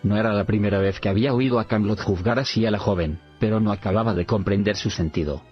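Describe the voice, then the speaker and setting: A man narrating an audiobook in a steady, even reading, sometimes saying the punctuation aloud. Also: fairly low pitch, fast, slightly rough. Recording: slightly dull recording with faint music.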